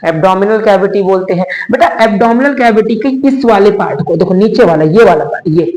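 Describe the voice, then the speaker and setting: A man's voice: sits high, fairly quick, darkish tone, echoey room, low-quality recording. A young man teaching biology in a chatty, repetitive way, calling his students "beta" and answering his own questions, with terms. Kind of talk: online exam-prep lecture.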